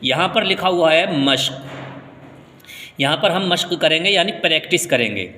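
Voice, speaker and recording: A man from India teaching a step-by-step reading lesson, slowly drilling syllables one by one and then explaining them in plain words. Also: a little high, expressive, pushed and bright. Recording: echoey room with long reverb.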